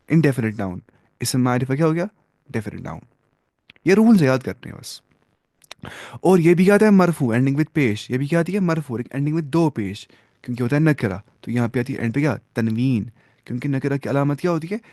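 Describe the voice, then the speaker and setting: A man's voice: medium pitch, expressive, fairly quick, darkish tone, dry recording, clean studio sound. A man teaching an Arabic grammar lesson, who asks questions and answers them himself, mixes in English terms, and encourages his students. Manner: reassuring, encouraging tone.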